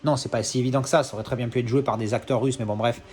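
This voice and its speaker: A man's voice: mid-range voice, steady tone, rapid-fire, darkish tone. A man in his thirties, from France, talking casually and rambling about his film collection, with many hesitations and self-corrections. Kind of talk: casual unscripted video talk.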